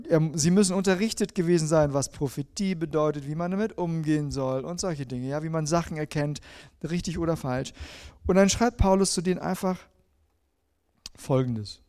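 Earnest German preacher with a mellow voice. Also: male voice, fairly high pitch. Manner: earnest, swings between emphatic and hushed; addresses listener directly, reads scripture aloud. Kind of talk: sermon.

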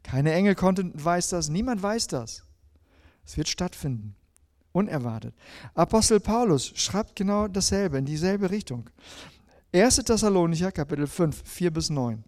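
A man delivers a sermon in a mellow, warm voice pitched a bit high for a man. He reads scripture aloud and speaks straight to the listener, swinging between emphatic passages and hushed ones. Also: animated, normal speed. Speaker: preacher.

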